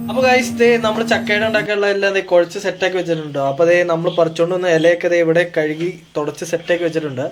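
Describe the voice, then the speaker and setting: A woman's voice: lowish voice, fairly even intonation, rapid-fire, few pauses, soft background music. Chatty woman vlogger talking to viewers. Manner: chatty, addresses viewers directly, many fillers. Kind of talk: casual family vlog. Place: outdoors near a temple and jackfruit tree, later a home kitchen.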